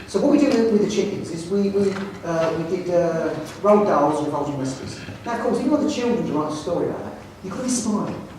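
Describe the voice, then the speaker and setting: A male headteacher with a London accent gives an anecdotal talk to an audience in a large, reverberant hall, heard through a distant mic. His voice is high and quick with few pauses, and there's slight background noise. He's an animated, jokey storyteller who mocks himself.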